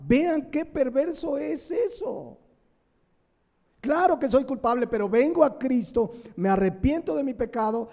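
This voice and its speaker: A man's voice: high-pitched, creaky, mellow, in a large hall. A man with a Mexican Spanish accent preaching a sermon. He is emphatic and asks questions that he answers himself. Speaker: pastor. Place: church sanctuary.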